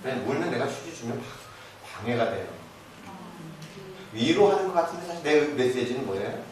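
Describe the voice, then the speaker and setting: A man's voice: medium pitch, moderate pace. Man lecturing in an echoey hall. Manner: animated, asks the audience questions and answers them himself; shifts between casual speech and polite address. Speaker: parenting lecturer. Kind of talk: live lecture to an audience. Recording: very echoey hall, distant mic, noisy.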